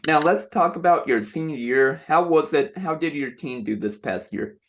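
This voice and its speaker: A man's voice: fairly high pitch, normal speed, slight background noise. A man conducting a casual sports interview as the interviewer, asking conversational questions.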